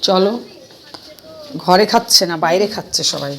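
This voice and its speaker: A middle-aged woman with a hoarse voice, chatting casually to her viewers in a home vlog and walking them through the dishes. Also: fairly low pitch, expressive, moderate pace, echoey room, background noise. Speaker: vlogger.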